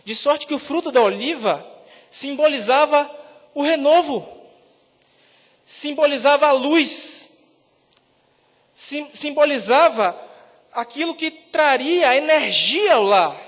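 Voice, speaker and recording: A seminarian from Salvador, preaching a sermon and rising to loud, emphatic peaks on key words. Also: male voice, extremely high pitch. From Salvador, Brazil. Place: church. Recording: reverberant church hall.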